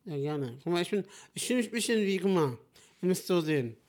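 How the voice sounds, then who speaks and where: Chatty young man, somewhat high voice. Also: fast talker. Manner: animated, jokey, rambling. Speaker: podcast co-host. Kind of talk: casual chat.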